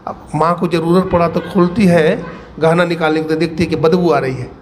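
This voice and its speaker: A middle-aged spiritual teacher, telling a parable in a folksy sermon and slipping into the voices of the people in it. His voice sits a touch high for a man. A faint hum of the gathering runs underneath. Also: fairly even intonation, fairly quick. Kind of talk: storytelling sermon. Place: satsang gathering hall.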